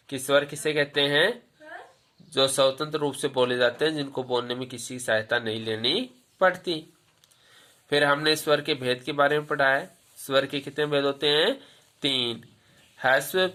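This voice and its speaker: Teacher, male, bright forceful delivery; poses questions and answers them, repeats points for pupils. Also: medium pitch. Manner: asks a question, then answers it himself; repeats key points; tells pupils to remember. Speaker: Hindi grammar teacher. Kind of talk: classroom lesson with questions to pupils.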